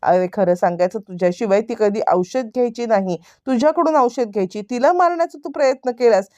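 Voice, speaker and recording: A woman's voice: mid-range voice, normal speed, dark tone, lo-fi sound, lightly acted. A woman narrator voicing an angry, heartbroken middle-aged man who was betrayed by his brother, asking pleading, reproachful questions. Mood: anguished.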